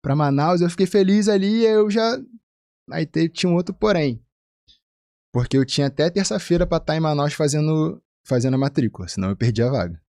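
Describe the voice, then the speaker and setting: Animated Carioca man telling stories. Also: brisk, no echo, studio quality. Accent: Carioca Brazilian Portuguese. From Rio de Janeiro, Brazil. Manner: animated, acts out quoted voices with big pitch jumps. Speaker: guest, physician. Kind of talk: casual anecdotal storytelling.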